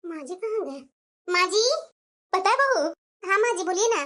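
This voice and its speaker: A woman voicing both mother-in-law and daughter-in-law in a cartoon family story, expressive and quick to switch roles. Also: extremely high pitch, over loud music. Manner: expressive, switching between two figures.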